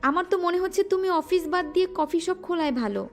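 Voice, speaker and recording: A woman with a very high-pitched, brisk voice plays a playful, affectionate young wife in a romantic audio drama. She teases and pouts over soft music.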